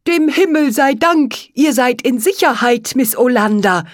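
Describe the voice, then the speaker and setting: A woman's voice: mid-range voice, dry recording, studio quality, voice pushed up, natural voice. Woman doing a prim, courteous frog servant. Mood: formal. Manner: formal and courteous, slow and deliberate. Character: prim, polite male frog servant wearing glasses.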